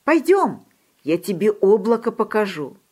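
A woman voicing a small, eager young male kid goat in a children's storybook, with a high, excited, childlike voice. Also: unhurried.

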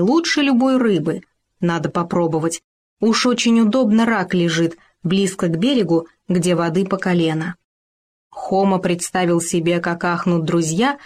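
A woman giving expressive, playful narration of a children's story. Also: lowish voice. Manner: lively, playful, animated reading.

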